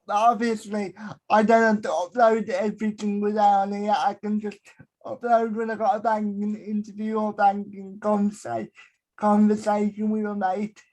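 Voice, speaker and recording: A man hosting a podcast over a call, speaking carefully with a hesitant, soft-spoken manner. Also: high voice, flat delivery, moderate pace. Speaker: podcast host. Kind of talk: casual interview chat.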